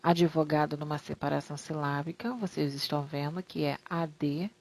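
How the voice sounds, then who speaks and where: A woman with a low voice walks young pupils through a grammar lesson on slides. She explains at an unhurried pace and stretches out each example word. She talks to the class fondly. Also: fairly even intonation, a little mellow. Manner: affectionate toward pupils. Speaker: teacher.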